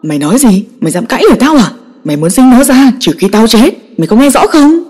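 A woman voicing a furious, domineering old father who shouts harsh commands at his daughter. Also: a little high, expressive, fast talker, breathy edge. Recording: long echoing reverb.

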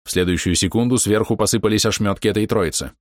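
Deep-voiced man narrating an audiobook. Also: fast, no room sound, studio quality. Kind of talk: first-person fantasy audiobook narration.

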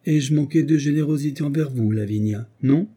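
A man's voice: mid-range voice, normal speed, warm tone, husky, pitched above the performer's own voice, close to an everyday voice. A man voicing a cold, selfish, scheming middle-aged man in an audiobook, speaking with firm disdain. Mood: smooth.

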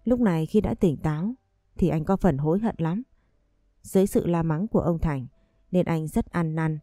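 A woman narrating a scripted story in a calm, even reading voice. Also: on the low side, no room sound, studio quality.

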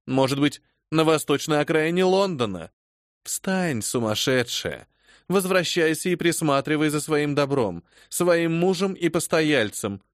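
A man's voice: a little high, no echo, clean studio sound, pitched above the performer's own voice. A man voicing a cold, scornful noblewoman who gives harsh commands in an audiobook reading.

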